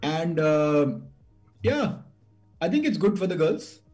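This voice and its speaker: A man's voice: a little high, sing-song, slow pace, darkish tone, soft background music. A middle-aged man from India with a north Indian accent, reminiscing casually as an interview guest, hesitant and repeating words, slipping Hindi into his English.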